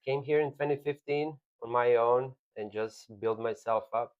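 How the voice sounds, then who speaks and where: A man's voice: medium pitch, fairly even intonation, moderate pace, clear, resonant tone, narrow, tinny audio. A man from Serbia with a Serbian accent, talking plainly and earnestly as a business owner in a casual podcast chat.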